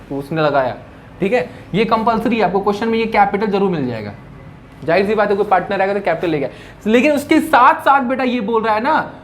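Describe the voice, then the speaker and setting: A male commerce teacher giving a classroom lecture, asking his students questions and answering them himself, calling them "beta" and mixing English terms into his explanations. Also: sits high. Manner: calls students "beta" affectionately. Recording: faint background noise.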